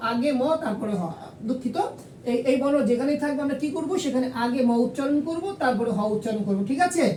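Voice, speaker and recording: A woman teacher explaining a lesson step by step, patiently repeating rules and asking and answering her own questions. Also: dark tone. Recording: echoey room, far from the mic, faint rumble.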